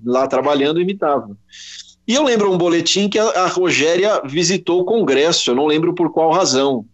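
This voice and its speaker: A man's voice: fairly high pitch, fairly quick. Brazilian man telling a story, lo-fi. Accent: Brazilian Portuguese. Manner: animated anecdote with quoted voices, many restarts. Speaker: guest, sports journalist. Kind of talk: casual storytelling interview. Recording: slightly dull lo-fi audio.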